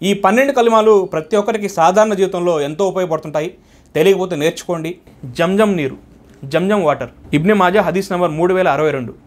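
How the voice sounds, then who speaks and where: Brisk, high-voiced man teaching religious phrases. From India. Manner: brisk, listing points in order. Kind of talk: instructional talk to camera.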